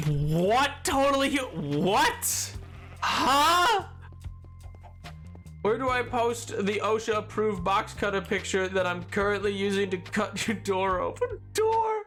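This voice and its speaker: A man chatting casually and excitably on a gaming livestream, joking and repeating his words. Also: sits high, slow pace, soft background music. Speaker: game streamer.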